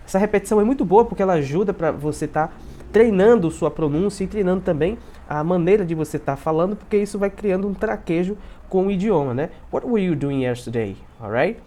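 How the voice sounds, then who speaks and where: A man teaching an English lesson, who keeps adding tag questions and repeats example sentences slowly. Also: high-pitched, mellow. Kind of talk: video language lesson.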